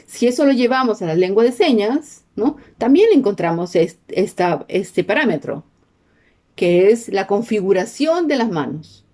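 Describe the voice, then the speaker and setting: Animated woman teaching a class. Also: medium pitch, a little slow. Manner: peppers sentences with questions to the class. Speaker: sign language teacher. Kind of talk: explanatory class talk.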